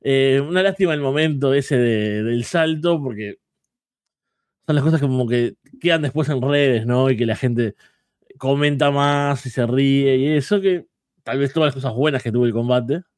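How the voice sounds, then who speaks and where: Male co-host, average pitch, casual review chat, close and dry sound. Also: normal speed, darkish tone, no echo. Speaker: wrestling podcast co-host.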